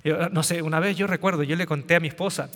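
Bright-voiced man joking about parenting. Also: a little high, fairly even intonation, fast, big-room sound. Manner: storytelling with punchlines and quoted voices; repeats words and restarts phrases. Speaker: speaker on parenting. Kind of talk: humorous motivational talk.

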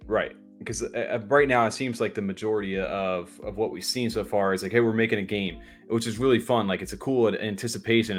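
A man's voice: deep voice, fairly bright tone. A man co-hosting a livestream, chatting casually with lots of fillers and restarts. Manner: rambling, many fillers and restarts. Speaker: livestream co-host. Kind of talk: casual chat.

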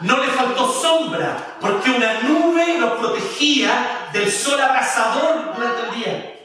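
A pastor preaching a sermon, animated, with emphasis that rises and drops. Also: male voice, very high-pitched, a little slow. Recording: echoey room from a distance.

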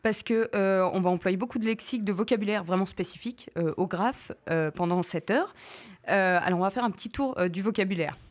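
A young woman hosting a radio interview, friendly and relaxed with frequent fillers. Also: mid-range voice, fairly quick. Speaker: radio host.

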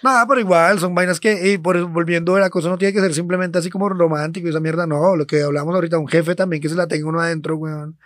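A man's voice: a little high, fairly even intonation, fast talker, hardly any pauses, fairly bright tone, dry recording. A young man with a Colombian accent, co-hosting a podcast. He tells a long story in loose slang, swearing freely. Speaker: podcast co-host. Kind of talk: casual storytelling chat.

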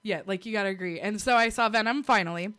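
A young woman in casual chat, telling a story in an animated way, swearing freely and laughing as she goes. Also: mid-range voice, fast, clear, resonant tone.

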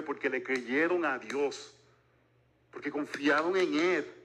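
A man's voice: a little high, sharp tone. A man in his forties preaching a sermon as pastor, mixing jokes into a conversational delivery. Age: 40s.

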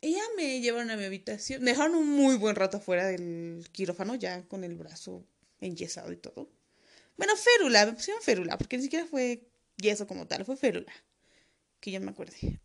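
A woman's voice: mid-range voice, animated, fairly quick, vocal fry. A woman with a Mexican accent telling a funny personal anecdote, crude and slangy, full of swearing. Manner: crude, profanity-laced, slangy storytelling.

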